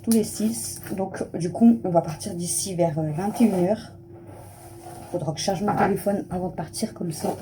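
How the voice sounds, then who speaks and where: A woman's voice: on the low side, normal speed, background noise. A woman in her thirties, a family vlogger chatting casually to camera at home, rambling with lots of fillers. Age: 30s. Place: at home, just out of the shower.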